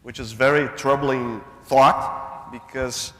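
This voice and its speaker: A man's voice: medium pitch, steady tone, takes it slowly, a bit bright. A man moderating a roundtable, polite and hesitant with many fillers. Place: large conference hall. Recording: reverberant hall.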